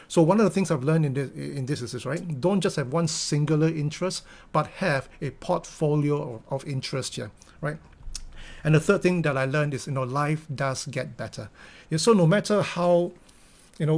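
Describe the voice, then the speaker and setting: A middle-aged Singaporean company founder gives an earnest motivational talk in Singaporean-accented English, full of fillers and restarts. His voice is a little high with a darkish tone.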